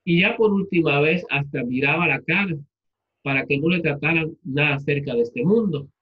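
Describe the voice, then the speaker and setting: His voice runs a little high, his speed is ordinary, and the audio has its upper frequencies cut off. The speaker is a Puerto Rican man leading a laid-back literature class, chatting through explanations, checking in rhetorically, and sharing personal anecdotes.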